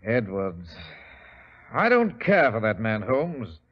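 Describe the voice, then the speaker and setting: An actor playing a fussy, bluff, good-hearted middle-aged English doctor with a British accent, blustering through an old radio mystery. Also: male voice, fairly low pitch, sing-song, slow, slightly rough, exaggerated voice. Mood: grumbling. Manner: blustery, exclamatory. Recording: muffled, noisy 1940s radio recording.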